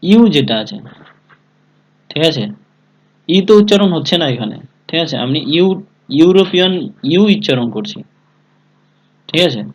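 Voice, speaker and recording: A man's voice: on the high side, big pitch swings, moderate pace, pauses often, rough recording. Patient man teaching a spelling lesson. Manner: spells words letter by letter and keeps asking if students understood; calls on students by name. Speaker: English teacher. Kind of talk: live online class lesson.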